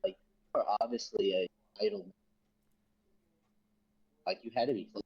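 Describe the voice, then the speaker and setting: A man's voice: on the low side, expressive, a little slow, slightly rough, dry recording, muffled recording. A man playing a character in a tabletop game, who hesitates and repeats his words as he describes what he does. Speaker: player.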